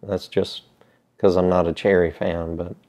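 A man's voice: sits low, flat delivery, measured pace, mellow. A middle-aged man in a laid-back, hesitant, rambling casual chat to camera, talking around a pipe held in his mouth. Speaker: pipe tobacco seller. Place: small indoor room with shelves. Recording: slightly dull, lo-fi sound.

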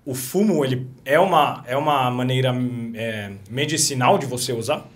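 A man hosting a podcast, asking curious, halting questions. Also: mid-range voice. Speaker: podcast host. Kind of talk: casual podcast interview.

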